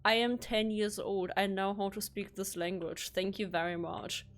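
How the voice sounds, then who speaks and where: A woman chatting casually while streaming a video game, rambling along with quick self-corrections. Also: medium pitch, fairly even intonation. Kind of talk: casual chat while gaming.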